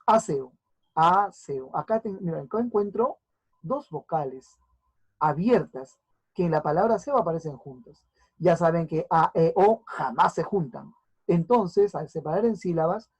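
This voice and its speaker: A woman with a lowish, darkish, slightly rough voice teaches a recorded grammar lesson. She sounds words out slowly, syllable by syllable, and often checks that her students are following.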